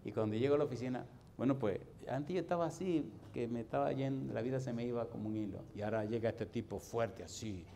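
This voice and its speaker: A middle-aged man preaching a sermon as pastor, animated and swinging from soft to loud. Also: medium pitch, quick pace, vocal fry, hardly any pauses, a little hiss or hum.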